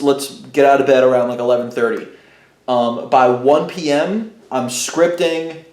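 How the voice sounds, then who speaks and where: A man's voice: mid-range voice, a little mellow. Young guy rambling thru his vlog plans, middle voice, kinda echoey room. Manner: rambling, restarts, thinks aloud. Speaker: vlogger. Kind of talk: casual vlog talk to camera.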